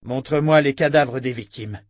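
A man's voice: mid-range voice, normal speed, no room sound, studio quality, pitched above the performer's own voice, close to an everyday voice. A man voicing a grim, resolute young hero who talks with intensity. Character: grim young man, vengeful water seeker.

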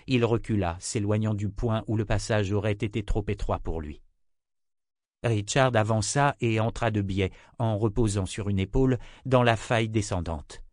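A man with a low voice reads an audiobook chapter in a measured, expressive way. His voice sits close to the mic in a dry, dead room with no echo. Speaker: audiobook narrator. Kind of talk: scripted narration.

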